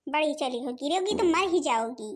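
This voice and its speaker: A woman voicing a stingy, sharp-tongued old grandmother and mother-in-law in a home-made cartoon. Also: high voice, lively intonation, moderate pace, noisy background. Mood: scolding.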